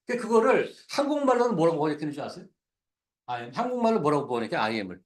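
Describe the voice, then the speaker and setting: A man preaching to his congregation, stopping to ask them questions and dropping English words into his talk. His voice sits high and swings widely in pitch. The sound rings with the echo of a church hall. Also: very animated, fast. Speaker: pastor. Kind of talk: sermon.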